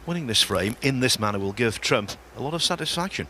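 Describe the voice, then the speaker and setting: A man giving live snooker commentary in measured, wry phrases. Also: medium pitch, expressive. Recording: faint noise, audience sounds behind. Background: snooker hall crowd.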